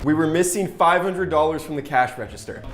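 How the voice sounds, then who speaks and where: A man feeding prank lines, loud and exasperated, cursing often. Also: on the high side, a little fast, slight background noise. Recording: clear music behind.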